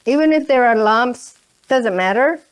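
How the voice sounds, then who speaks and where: A woman's voice: on the high side, lively intonation, a little slow, clean tone. A woman hosting a cooking show, chatting through the steps as she cooks and often checking in with "right?". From Indonesia. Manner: chatty, keeps asking "right?". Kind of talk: cooking demonstration. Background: sizzling pan.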